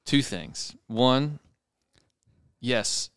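A man's voice: mid-range voice, expressive, drawn-out words, a bit bright, clear, resonant tone, dry recording, clean studio sound. A man co-hosting a casual podcast, chatting enthusiastically with listeners. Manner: enthusiastic, addresses listeners directly. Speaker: podcast co-host. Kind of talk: casual chat.

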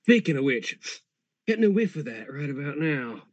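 A man acts out a gravelly hobgoblin boss for a tabletop game. He is sly and laconic, drawling his words in a close, dry recording. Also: a little high, sing-song, moderate pace, no room sound, lo-fi sound. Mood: sly, gruff. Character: rough, sly hobgoblin gang boss, male, hired tracker.

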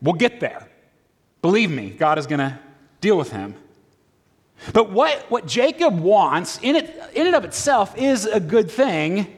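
A man preaching a conversational sermon in a casual, animated way, full of fillers and restarts, heard in a reverberant church hall. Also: sits high, a little slow, husky. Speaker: pastor.

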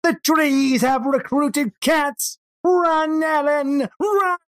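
A woman's voice: sits high, very slow, dry recording, studio quality. A woman voicing a fearful, melodramatic little talking puppy in a tabletop role-playing game. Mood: panicked. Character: panicky little talking puppy, convinced trees are plotting. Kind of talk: in-character tabletop role-play.

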